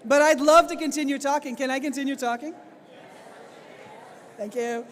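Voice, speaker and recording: In a large conference hall, a female teacher trainer addresses teachers in a plenary session, posing questions to them and often laughing. Her voice sits high, she talks at a normal speed, and the hall adds reverb.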